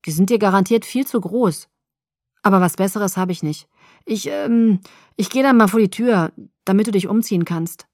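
Woman reading a worn-out caring young guy, soft and a little awkward, dry close sound. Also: mid-range voice, moderate pace, no room sound, close to an everyday voice. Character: tired, caring young man, protective and gentle.

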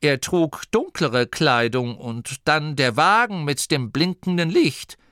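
A man's voice: a little high, expressive, slow pace, bright, forceful tone, dry recording, studio quality, pitched above the performer's own voice, heavily acted. A man doing a hesitant, musing nome. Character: cautious male nome, hesitant.

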